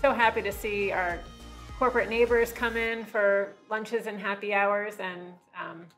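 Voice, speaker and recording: Woman, 40s, restaurant owner; chatty and warm-hearted, lapel mic, faint music behind. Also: mid-range voice, fairly even intonation, unhurried, low-quality recording. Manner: friendly, chatty, laughs easily. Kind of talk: casual interview. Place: brick-walled restaurant booth, indoors.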